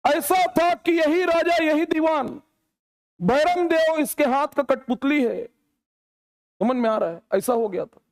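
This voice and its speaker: A man with a Chhattisgarhi Hindi accent lecturing on history as a teacher. He asks his class questions and answers them himself, dropping low on each answer. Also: takes it slowly. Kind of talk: lecture with call-and-response questions.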